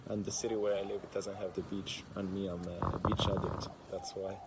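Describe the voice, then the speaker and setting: A man from Morocco, a student, speaking English in a relaxed, hesitant way. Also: low-pitched, fairly quick. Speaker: expat student. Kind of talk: casual talk to camera. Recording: dull, noisy recording.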